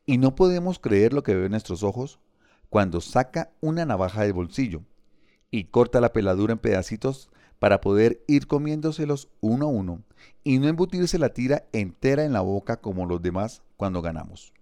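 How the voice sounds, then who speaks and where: Male audiobook narrator, measured and vivid, dry close sound. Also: on the low side, lively intonation, dark tone, clean tone, no room sound.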